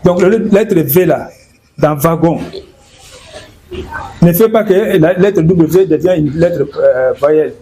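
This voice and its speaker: A man's voice: fairly high pitch, takes it slowly, pauses often, warm tone, slight background noise. A man from Congo explaining in an interview, hesitant and repeating words and fillers. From Democratic Republic of the Congo. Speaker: guest.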